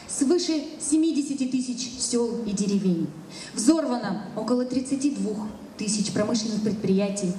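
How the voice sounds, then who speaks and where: A young woman reading a scripted commemorative narration in a solemn, measured way as a ceremony presenter. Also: a little high, mellow, far from the mic. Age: young adult. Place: stage of a hall. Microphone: handheld microphone through hall speakers. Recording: echoey hall from afar, faint noise.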